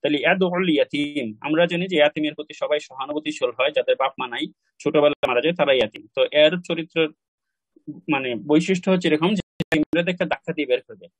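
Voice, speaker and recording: A man teaches recitation in a slightly raised voice. He patiently repeats each sound slowly for his learners. The recording is dry and close, with no room sound. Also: a little high, no echo, low-quality recording. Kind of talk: online class instruction.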